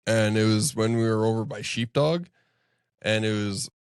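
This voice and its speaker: A man with a fairly low voice co-hosts a casual podcast, recorded close and dry. He tells gym stories with plenty of energy, slipping into the voices of the people he describes and swearing offhandedly. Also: moderate pace, clear, resonant tone, no echo. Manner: animated storyteller, acts out quoted voices, swears casually. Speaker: podcast co-host, martial arts coach. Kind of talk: casual storytelling chat.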